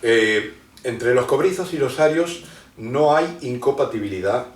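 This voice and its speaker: Speaking unhurriedly in an expressive, medium-pitched voice, an Argentine interview guest lays out his ideas at length in a lecturing, conversational way. He frequently pauses and starts his sentences over. The recording sounds roomy, picked up by a distant mic.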